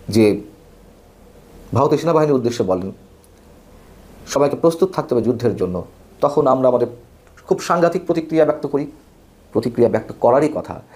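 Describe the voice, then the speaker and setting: A man of ordinary pitch delivering political commentary in an emphatic, rhetorical way. He leans hard on key words with sudden upward jumps in pitch, and the delivery is spoken rather than read, with the odd slip. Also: darkish tone.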